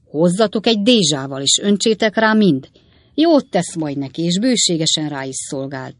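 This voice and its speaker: An audiobook reader voicing a hot-tempered old gentleman who rages and blusters at the people around him. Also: mid-range voice, expressive, no room sound, studio quality, natural voice. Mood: furious. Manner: angry, blustering, loud.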